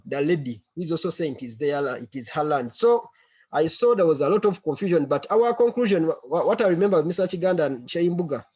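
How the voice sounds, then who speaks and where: A man's voice: on the high side, a little mellow, husky. A man heard over a conference call, briefing a committee meeting and stumbling over repeated words. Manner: halting, repeats words while searching for them. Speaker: meeting member giving a briefing. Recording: muffled, lo-fi online call audio.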